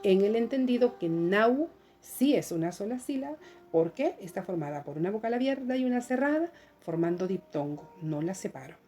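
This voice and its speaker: A woman teacher giving a recorded lesson, explaining step by step in a slow, patient way and speaking to students at home. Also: mid-range voice, expressive, dark tone.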